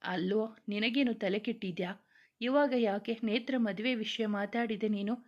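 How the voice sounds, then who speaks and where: A woman's voice: medium pitch, normal speed, highs cut off, lightly acted. Woman voicing a teasing young best friend. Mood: probing.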